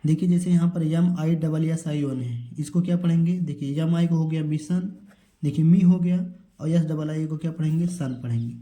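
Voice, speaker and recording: Man slowly spelling out English words. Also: fairly high pitch, warm tone, roomy sound, low-quality recording. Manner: slow, drawn-out spelling of words letter by letter; asks a question, then answers it himself. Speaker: English teacher. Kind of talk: spoken English pronunciation lesson.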